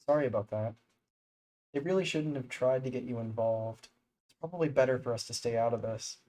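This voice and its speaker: A man reading the lines of a soft-spoken, apologetic teenage girl club president aloud. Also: mid-range voice, brisk, lightly acted, rough recording. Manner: gentle, apologetic, read aloud from screen.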